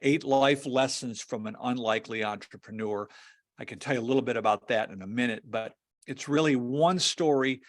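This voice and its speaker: Guy doing a webinar on a computer mic, earnest, lots of uh and repeated words, middle pitch. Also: normal speed. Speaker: webinar presenter. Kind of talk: webinar presentation.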